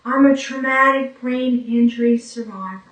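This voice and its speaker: A woman, telling her story as a brain injury survivor in a documentary interview, speaking in a halting way with pauses. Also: on the high side, distant mic. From Newfoundland, Canada. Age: 40s. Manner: slow, halting, with pauses and fillers. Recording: echoey room, voice from off-mic.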